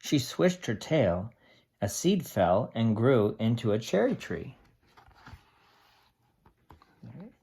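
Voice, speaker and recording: Reading a picture book aloud to young children, a teacher speaks slowly and deliberately in a husky voice. Her pitch swings in lively ways, and she adds simple explanatory asides as she goes.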